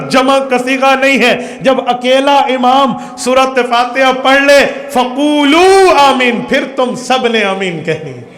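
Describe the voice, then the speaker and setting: A man's voice: very high voice, fairly bright tone. A man from Pakistan, preaching a sermon to a seminary gathering in a rhythmic, emphatic way that builds through repeated phrases. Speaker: mufti preaching. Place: large echoing hall at a seminary gathering. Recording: echoey hall with long reverb.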